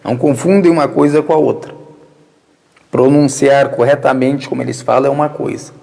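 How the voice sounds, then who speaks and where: A man's voice: mid-range voice, fairly even intonation, a little fast, vocal fry, warm tone, long reverb tail. A man from Brazil with a Brazilian Portuguese accent giving an informal religious lesson, answering listeners' questions and often posing rhetorical questions that he answers himself. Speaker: religious teacher. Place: mosque prayer hall.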